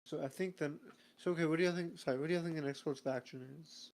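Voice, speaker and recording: A man's voice: fairly high pitch, steady tone, fast talker, darkish tone. Man playing in a tabletop game. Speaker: player. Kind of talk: casual chat.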